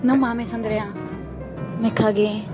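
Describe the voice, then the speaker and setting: Shrieking excitable woman. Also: on the high side, highs cut off, over music. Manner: shrieking, cursing, fast and excitable. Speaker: clip speaker. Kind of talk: excited phone clip.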